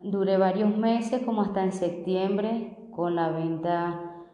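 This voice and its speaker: A woman in her thirties from Venezuela, telling her story hesitantly, with halting phrases and many fillers. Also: medium pitch, fairly even intonation, dark tone, reverberant, in a large hall, highs cut off. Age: 30s. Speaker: street vendor giving testimony. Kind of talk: personal testimony.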